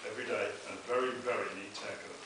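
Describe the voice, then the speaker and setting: A man's voice: lowish voice, fairly even intonation, very fast. A young man telling anecdotes in a prepared best man's speech at a wedding. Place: inside a wedding venue, speaking to guests. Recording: very echoey, noisy, distant event recording.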